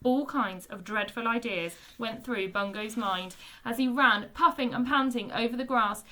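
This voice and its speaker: Bright-voiced woman reading a children's book. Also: on the high side, moderate pace. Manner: expressive storytelling. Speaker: teacher.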